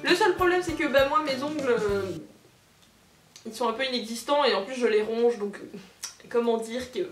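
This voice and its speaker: A bubbly young woman chats through an unboxing, gushing over each item and poking fun at herself. Her voice sits high, and she sounds a bit far from the mic in a roomy space, with music playing behind her. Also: moderate pace. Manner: bubbly, gushing, self-mocking, with many fillers. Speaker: unboxing video host. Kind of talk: casual unboxing chat.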